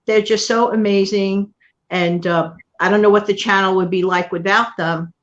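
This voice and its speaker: A woman from New York City hosting a casual livestream chat, talking warmly and at length to her viewers and co-host. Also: mid-range voice, steady tone, normal speed, lo-fi sound. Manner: chatty, warm thanks to viewers and co-host. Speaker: channel host.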